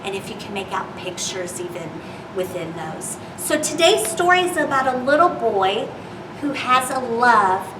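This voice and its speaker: A woman reading a picture book aloud to young children as a storytime host, expressive and deliberate, stretching key words. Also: fairly high pitch. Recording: roomy, distant microphone, clear background noise.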